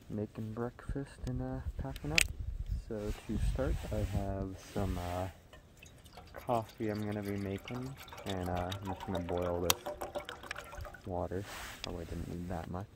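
A young man, a camping vlogger, films himself narrating a solo trip at a forest campsite in winter, with very noisy surroundings. His low-pitched voice moves at a measured pace with frequent pauses. He sounds relaxed and rambles, filling gaps with many "uh"s.

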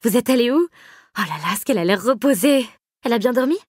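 Woman putting on a doting young mum, cooing, bubbly, higher voice, dry close sound. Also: animated, fast, no room sound. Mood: gushing. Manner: breathless and cooing, high and bubbly. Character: gushing, euphoric young mother doting on her baby. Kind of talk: audiobook character voice.

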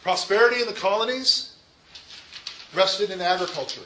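Guy teaching a history class, bit high-pitched, keeps asking "right?", light background hiss. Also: normal speed, sharp tone, poor audio. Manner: emphatic, rhetorical questions, uneven pace.

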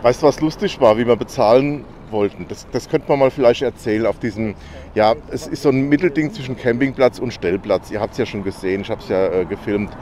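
An older man tells a travel story in easy, rambling chat, pausing on little fillers. He is outdoors on a bridge, filmed at arm's length. Traffic and street noise come through clearly. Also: medium pitch, a little mellow. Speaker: travel vlogger. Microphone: selfie camera at arm's length.

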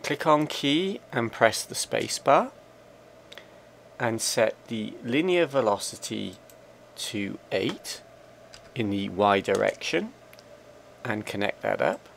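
A man narrating a software screencast tutorial, calmly giving slow step-by-step commands. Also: on the low side, vocal fry, a little hiss or hum. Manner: slow, measured, instructional commands.

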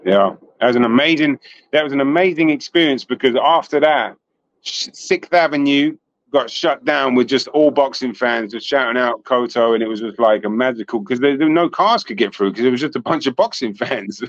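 A man's voice: mid-range voice, normal speed, no echo. A man from England with an English accent, chatting casually as a guest on a video call, with many restarts and "bro". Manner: chatty, trailing restarts, says bro and mate. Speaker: guest boxing channel host. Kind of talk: casual chat. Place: small room indoors. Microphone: video call webcam. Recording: dull lo-fi call audio, dry.

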